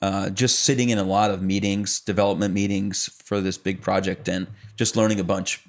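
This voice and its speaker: A young adult man from the Chicago area, an actor and producer telling his story as a podcast guest in relaxed, rambling chat full of fillers. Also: low-pitched, normal speed. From Chicago area, United States. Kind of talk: casual conversational storytelling.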